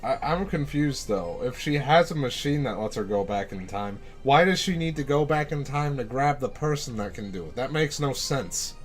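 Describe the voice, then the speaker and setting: A young man in college giving casual, sarcastic commentary while playing a video game, swearing and thinking out loud. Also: medium pitch, animated, moderate pace, few pauses, faint music behind. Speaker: let's play host.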